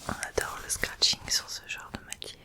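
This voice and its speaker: A woman's voice: brisk, bright, forceful tone. A woman hosting an ASMR unboxing, speaking in a whisper and soothingly addressing the listener directly. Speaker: ASMR video host.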